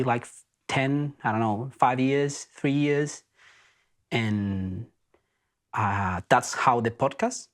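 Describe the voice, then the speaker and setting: A man from Argentina with an Argentine accent, hosting a podcast and telling his story in an earnest, reflective way. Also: medium pitch. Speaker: podcast host. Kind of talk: casual spoken introduction.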